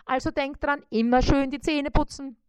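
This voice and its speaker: A woman's voice: high voice, steady tone, normal speed, a little mellow, no echo, clean studio sound, voice pushed up, close to an everyday voice. A woman voicing a small, cheeky male critter who is smug and boastful in a children's story. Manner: smug and teasing.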